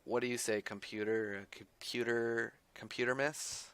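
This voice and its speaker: A man voicing an officious Indigo officer who debriefs a player, talking in halting starts and restarts. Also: medium pitch, fairly even intonation, a bit bright, smooth, no echo, voice pushed up, close to an everyday voice. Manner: halting, full of restarts and fillers.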